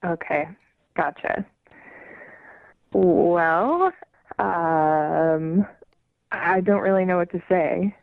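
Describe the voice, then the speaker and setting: A woman's voice: lowish voice, expressive, extremely slow, vocal fry, long pauses, dry recording. Woman over a tinny phone line. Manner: hesitant and guarded. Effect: heard over the phone. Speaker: caller on a radio show. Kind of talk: casual phone conversation.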